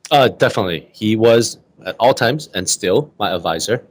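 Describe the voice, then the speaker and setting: A man with a very low voice, answering interview questions. He talks haltingly, filling gaps with "uh" and repeating words as he searches for them. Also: lively intonation. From Hong Kong and the San Francisco Bay Area. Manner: halting, many uh fillers and repeats. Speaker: venture capital guest.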